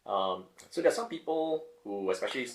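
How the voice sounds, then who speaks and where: A man interviewing a guest, asking questions hesitantly, with soft murmured acknowledgements. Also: medium pitch, lively intonation, fairly quick, slight background noise, rough recording.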